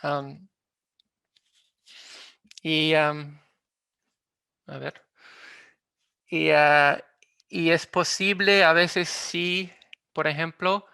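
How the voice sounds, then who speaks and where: A man presents academic material over a video call, pausing and restarting as he hunts for the right word. His voice is gravelly and bright, sitting a little high for a man, and the sound is close and dry. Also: dry recording. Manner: halting, often searches for words. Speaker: linguistics presenter.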